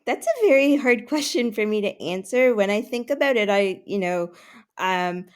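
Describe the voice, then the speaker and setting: Responding earnestly to a podcast interviewer, this Russian-native woman from Canada keeps using fillers and restarting her sentences. Her smooth, mid-range voice moves at a normal speed with lively intonation.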